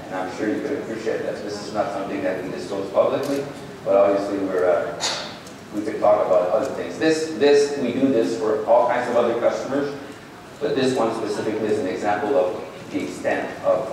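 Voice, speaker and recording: A man giving a conference keynote in a large ballroom, speaking haltingly with many restarts. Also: lowish voice, noisy background. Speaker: company president giving a keynote. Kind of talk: conference presentation. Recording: echoey ballroom from far off.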